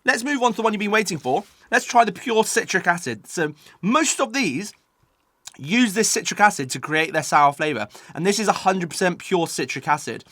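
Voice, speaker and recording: Eating sour candy on camera, this UK host of a taste-test video talks casually to viewers and reacts to the sourness. He has a high-pitched, animated, bright voice with a forceful tone, a moderate pace, and no echo.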